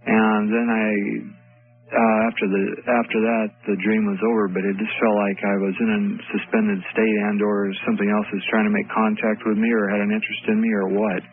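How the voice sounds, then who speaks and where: A man speaks over a thin, tinny phone line into a late-night radio show, his voice low and level with little rise or fall. He asks his questions in a polite, formal way, calling the hosts gentlemen. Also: level tone, fairly quick. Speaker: caller.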